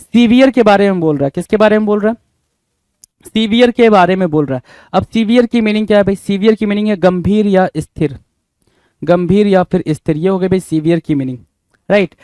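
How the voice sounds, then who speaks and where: A man's voice: sits high, fairly quick, a little mellow, smooth, no echo. A man teaching an exam vocabulary lesson, asking the listener rhetorical questions over and over. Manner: repetitive quizzing asides.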